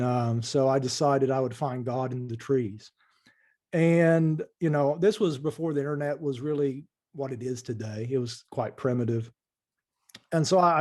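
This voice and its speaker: A man from eastern Kentucky with an Appalachian accent, reflecting as a podcast guest in a thoughtful, halting way. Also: mid-range voice, a little mellow. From eastern Kentucky, USA. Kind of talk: reflective interview talk.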